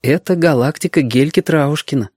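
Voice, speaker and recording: A man's voice: fairly high pitch, normal speed, darkish tone, husky, no room sound, clean studio sound, voice pushed up. A man reading a story aloud and voicing an eager sixth-grade boy who patiently explains things to a girl. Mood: eager, explaining.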